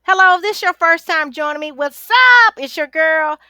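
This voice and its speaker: A woman with a forceful, high voice leads a casual, chatty Bible study to camera like a life coach, urging listeners on by repeating phrases. She's sassy and familiar, calling people baby and honey, with fairly even intonation at normal speed. The sound is close and dry, with no room sound.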